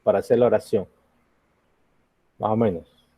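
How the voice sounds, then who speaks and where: A man's voice: lowish voice, steady tone, moderate pace, dark tone, husky, no room sound, low-quality recording. A man teaching an English grammar lesson in Spanish, patiently asking the class questions and checking in with "ok?".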